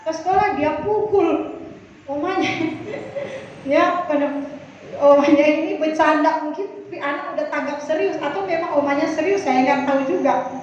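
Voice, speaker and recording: A middle-aged woman pastor tells stories from the pulpit in a chatty, lively sermon, slipping into the voices of the people she quotes. Her voice sits very high, and it reaches the mic from far off. The sound is dull and soaked in the long echo of a large hall. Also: normal speed, a little hiss or hum. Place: church hall.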